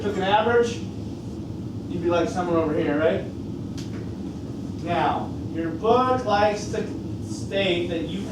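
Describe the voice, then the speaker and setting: A man with a North Dakota accent teaching a class, explaining step by step and often checking in with short questions. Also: high voice. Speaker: science teacher. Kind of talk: classroom lecture with questions to students. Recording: echoey classroom from far off, noisy.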